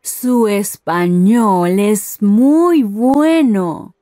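Playing a warm, inquisitive Peruvian woman meeting a tourist, the actress delivers each scripted line very slowly and carefully, then repeats it at regular speed. Her medium-pitched voice is mellow, captured as clean studio sound without echo.

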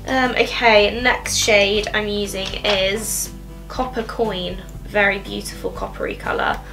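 The audio is poor, with music underneath, as a young beauty vlogger in her bedroom casually rambles through a makeup tutorial with many "um"s, a little nasal from a cold. Her medium-pitched voice is sing-song and unhurried, picked up by a camera close in front of her.

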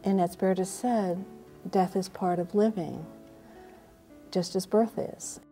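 A woman's voice: mid-range voice, fairly even intonation, slow pace. A woman speaking as a hospice nurse, reflecting personally in an earnest, thoughtful manner. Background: soft guitar music.

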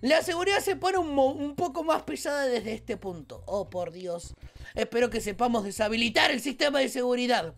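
A woman with a Rioplatense Spanish accent hosting a Let's Play, with excitable, playful, exclamatory commentary. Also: a little high, moderate pace, gravelly. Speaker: gaming channel host.

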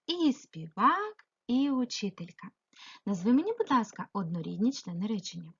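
A female primary school teacher giving a remote grammar lesson, asking the pupil questions and answering them herself, stretching example words slowly. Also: medium pitch, breathy edge, lo-fi sound. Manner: slow, sing-song emphasis on example words; addresses the pupil directly, asks and answers herself.

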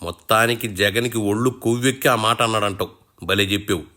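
A man's voice: on the low side, fairly quick, sharp tone. A man hosting a satirical show, teasing and mocking his guest in rustic colloquial speech. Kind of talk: mock interview banter.

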